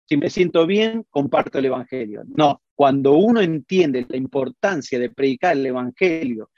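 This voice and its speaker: A man preaching a sermon, telling Bible stories in a lively way and acting out the characters with voices. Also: mid-range voice, normal speed, no echo, lo-fi sound. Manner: lively storytelling, acts out Bible scenes with voices.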